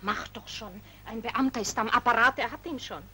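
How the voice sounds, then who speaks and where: A brisk, commanding woman. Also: fairly high pitch, sharp tone, slight background noise. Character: brisk, impatient woman pushing things along. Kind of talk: 1940s film acting.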